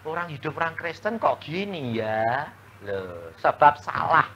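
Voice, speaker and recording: A male pastor preaching a sermon in a folksy way, swinging from loud exclamations to hushed asides. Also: fairly high pitch, very animated, a little slow. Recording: muffled old sermon recording, faint hiss.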